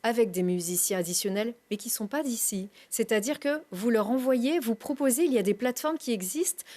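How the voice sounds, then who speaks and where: A woman hosting a TV interview show, chatting in a lively, easy way and laughing often. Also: fairly high pitch, a little fast. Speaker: TV show host. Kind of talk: casual studio interview. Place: TV studio.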